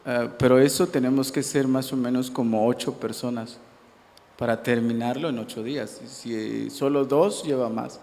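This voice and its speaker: A man's voice: mid-range voice, fairly even intonation, moderate pace, darkish tone, in a large hall. A man in a Bible class answering the teacher plainly and matter-of-factly.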